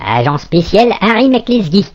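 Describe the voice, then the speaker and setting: A woman playing a brash announcer in a parody animated short, with dull lo-fi sound. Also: medium pitch, unhurried, very noisy. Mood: mock-grand. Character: brash announcer introducing cartoon action heroes. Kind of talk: scripted parody narration.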